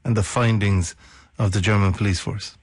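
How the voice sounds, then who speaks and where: An Irish man interviewing on radio, putting serious questions in a probing, deliberate way. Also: on the low side, steady tone, breathy edge, dry recording. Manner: probing, deliberate, rephrases back to the guest.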